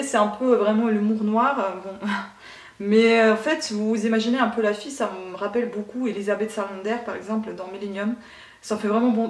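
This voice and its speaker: A woman's voice: mid-range voice, far from the mic. A woman from Ukraine, chatting in a rambling, hesitant way as she reviews books in a casual vlog. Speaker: book vlogger. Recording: roomy room, voice set back from mic.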